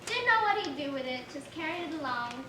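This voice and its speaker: A woman with a traditional Southern American accent narrating a folktale in an unhurried, folksy way. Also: sits high, lively intonation. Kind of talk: folktale storytelling performance. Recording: echoey room, far mic, noise.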